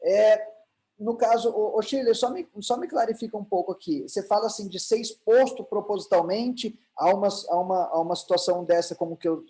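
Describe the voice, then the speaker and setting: A man's voice: high voice, fairly quick, dark tone, rough recording. A man with a Brazilian Portuguese accent giving an online lecture, asking rhetorical questions and answering them himself, with frequent restarts. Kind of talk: online lecture on emotional intelligence.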